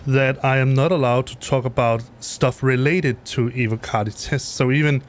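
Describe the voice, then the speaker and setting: Speaking with a Danish accent at a moderate pace, this middle-aged man from Denmark keeps a steady tone at medium pitch. He's in his basement at home, live-streaming a flight simulator session and rambling casually, full of fillers and self-corrections.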